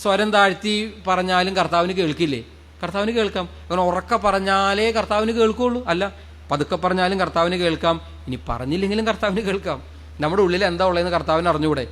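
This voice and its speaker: Priest preaching hard, high voice, repeats himself, quizzes the crowd, goes loud then soft. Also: male voice, fast. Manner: fervent, repeats phrases, asks the crowd questions, swings loud and soft. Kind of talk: sermon. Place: church or prayer hall with a congregation.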